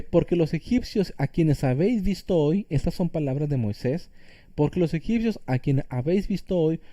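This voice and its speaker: A man's voice: fairly high pitch, warm tone, no echo, studio quality. A man giving a sermon-style Torah teaching, earnest and explanatory, often repeating phrases for emphasis.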